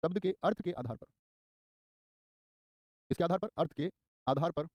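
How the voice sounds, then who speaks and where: A man's voice: a little high, normal speed, no echo, highs cut off. A young man teaching Hindi grammar in a live online exam-prep class, quizzing his students and repeating key terms with lots of energy. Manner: acts out short quoted lines in a raised voice.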